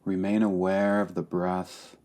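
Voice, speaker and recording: Short phrases separated by pauses mark this calm, deliberate guided meditation, led by a man with a low-pitched voice at a slow, spacious pace.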